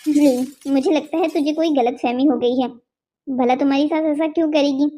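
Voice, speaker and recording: A frank young woman in a cartoon who gives her friend sensible advice, voiced by a woman. She sounds high and mellow. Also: fairly even intonation, normal speed, close to an everyday voice. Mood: advising. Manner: frank, advising.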